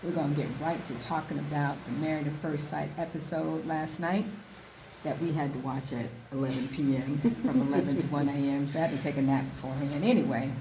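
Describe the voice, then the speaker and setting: Low-voiced lady chatting through a tv recap, bit echoey out on a balcony, some noise behind. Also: steady tone, fairly quick. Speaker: podcast co-host. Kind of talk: conversational TV recap. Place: outdoor balcony by the sea. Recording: slight echo on balcony, background noise. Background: waves, ambient noise.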